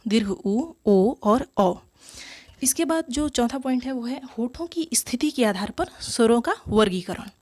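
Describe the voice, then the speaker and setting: Woman teacher explaining grammar, slightly high voice. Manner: explains step by step, repeating key terms; asks the class questions and answers them herself. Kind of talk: exam-prep grammar lesson.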